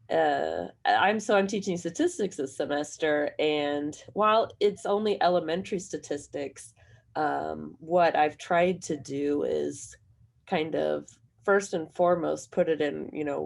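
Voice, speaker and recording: A hoarse woman, a math instructor on a panel, answering at length in a rambling, self-deprecating way. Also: sits low, a little mellow. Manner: rambling, self-deprecating, chuckles while talking. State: hoarse from allergies.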